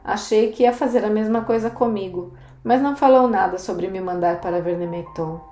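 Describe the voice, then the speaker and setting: A woman reading the lines of a wistful, resigned young woman in an audiobook, speaking softly. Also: medium pitch, normal speed, a little hiss or hum, close to an everyday voice. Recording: roomy echo, faint music.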